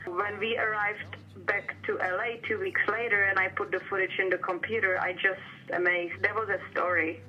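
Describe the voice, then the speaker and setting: A woman's voice: mid-range voice, level tone, moderate pace, hardly any pauses. A woman from the Republic, a filmmaker talking casually in a documentary interview, with lots of fillers. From Czech Republic. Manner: casual, hedging with filler words. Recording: dull sound with faint music.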